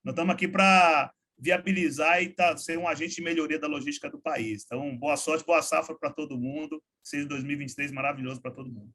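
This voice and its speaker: A man talks as a lively interview guest. His voice sits a little higher than most men's, and his speech is casual and full of slang. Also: brisk, hardly any pauses. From Salvador, Bahia, Brazil. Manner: energetic, informal, frequent slang. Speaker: guest, logistics startup founder. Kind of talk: relaxed interview talk.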